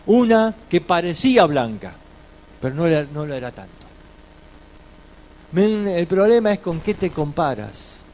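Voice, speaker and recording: A man preaching a sermon, slowing on key phrases and dropping quiet for scripture readings. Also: a little high, very animated, slight background noise.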